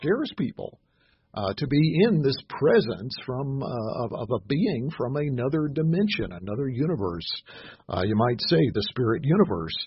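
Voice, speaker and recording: A man preaches in a halting, thoughtful way, filling pauses with fillers and slowing down to stress scripture passages. His voice is slightly husky and sits at an ordinary pitch. The recording is dry and a little dull, with no room sound. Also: big pitch swings, dry recording. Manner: halting, many "uh" fillers and restarts; reads scripture aloud slowly with emphasis. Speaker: pastor. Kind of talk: sermon.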